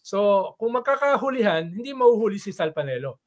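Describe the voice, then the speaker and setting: A man in casual political talk who tells stories with frequent tag questions and an animated delivery. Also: high-pitched, fairly quick. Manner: animated, voice rises when quoting chants. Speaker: political commentator guest.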